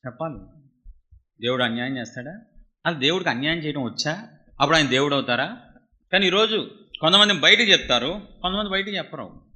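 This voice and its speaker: A middle-aged male pastor preaching with passion, firing rhetorical questions and swinging from loud to hushed. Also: on the high side, animated, fast, pauses often, poor audio. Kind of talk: Telugu sermon.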